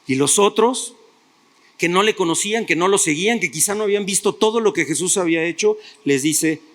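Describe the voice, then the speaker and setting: A man's voice: sits high, fairly quick, fairly bright tone. A male pastor preaching a sermon, retelling stories and putting rhetorical questions to his listeners.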